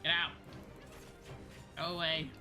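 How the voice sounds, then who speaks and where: A young American woman with a rather low voice chats casually and slowly while gaming on a livestream. Animated and foul-mouthed, she lapses into exasperated reenacted dialogue, with music playing clearly behind her.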